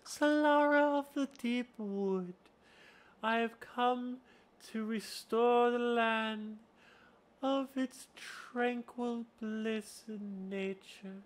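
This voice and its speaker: A man voicing a serene female guardian of the woods in a slow, solemn manner. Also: extremely high pitch, steady tone, pitched above the performer's own voice, exaggerated voice.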